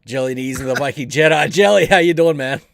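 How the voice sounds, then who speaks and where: A man's voice: on the high side, fast, creaky, no echo, clean studio sound. A bearded man hosting a casual live-streamed gaming talk show, joking and laughing as he goes. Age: adult with beard. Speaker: podcast host.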